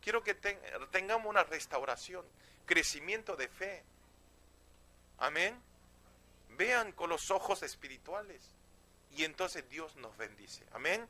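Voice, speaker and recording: A male pastor preaching. His voice is high and bright, and he presses hard on key phrases. He checks in with his listeners again and again. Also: expressive, a little slow, pauses often. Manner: emphatic, often asks "¿sí?" and "Amén". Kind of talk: sermon.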